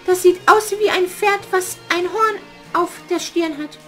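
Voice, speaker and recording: A very high, shrill old witch cackles and schemes in a puppet theater play, played by a man in falsetto. She drags her words out slowly and bosses everyone around. Faint music plays behind her. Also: steady tone, bright, forceful tone, heavily acted. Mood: commanding.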